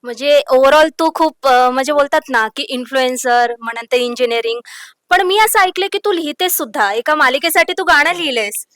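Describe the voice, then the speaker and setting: A woman's voice: high-pitched, fairly quick, fairly bright tone, no echo, clean studio sound. A woman interviewer asking conversational questions and prompting with frequent hums.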